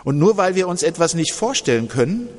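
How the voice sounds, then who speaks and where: A man preaching a sermon, telling a story and voicing its dialogue in a lively way. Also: on the high side, brisk, in a large hall.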